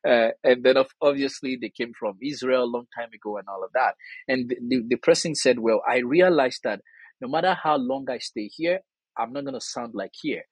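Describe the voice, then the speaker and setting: A man with a Nigerian accent and a brisk, husky, mid-range voice speaks as an interview guest; he is a theatre artist and scholar. His answers are earnest, emphatic and conversational, full of anecdotes and acted-out quoted dialogue. The low-quality recording has no room sound.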